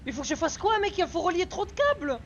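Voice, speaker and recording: A scared horror game streamer with a high voice that swings widely in pitch. The delivery is jumpy, slangy and full of swearing, reacting to the game as it is played. Game noise is clearly audible behind the voice. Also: fast talker, muffled recording. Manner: excitable, easily startled, jumpy scared reactions; foul-mouthed, slangy. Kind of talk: horror game let's play commentary. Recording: noisy, game sounds behind voice.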